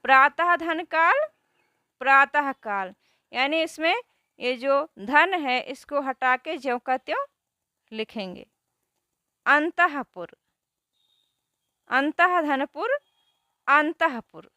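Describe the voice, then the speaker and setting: A woman teaching a grammar lesson who asks questions and answers them herself, spelling out words slowly. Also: high-pitched, lively intonation, pushed and bright, no echo, studio quality.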